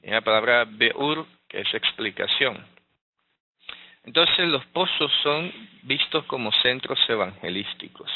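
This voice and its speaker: A man with a fairly low voice teaches scripture, pausing often and asking his listeners whether they follow. The sound is narrow and tinny, like a phone line. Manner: explanatory, frequent rhetorical "¿verdad?" and "eh" fillers. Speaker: Bible teacher. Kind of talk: Bible study teaching.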